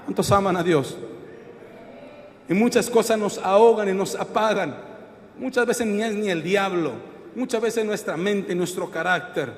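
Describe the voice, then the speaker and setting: A man's voice: sits high, measured pace, big-room sound. A man preaching a sermon in a church, calling out questions to the congregation. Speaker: pastor. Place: church hall.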